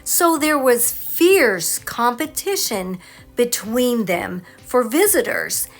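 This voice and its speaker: A woman's voice: fairly high pitch, big pitch swings, slow, soft background music. A woman travel vlogger giving scripted narration of a sightseeing trip.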